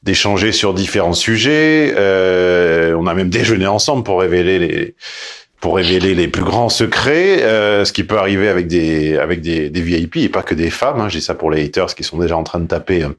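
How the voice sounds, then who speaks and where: A man's voice: sits low, lively intonation, moderate pace. Blunt French dating coach, man. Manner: blunt, emphatic, mocking asides. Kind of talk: casual coaching call.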